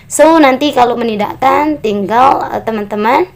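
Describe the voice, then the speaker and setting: A woman's voice: a little high, moderate pace, gravelly. A woman teaching an online English grammar lesson, explaining step by step and mixing English phrases into her explanations. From Lombok, Indonesia.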